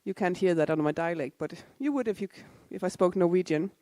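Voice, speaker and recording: Here the Danish-born conference speaker, a woman in her forties, talks quickly in a low, dark voice with no echo. She keeps it casual and self-deprecating, addressing asides to the crowd in the hall.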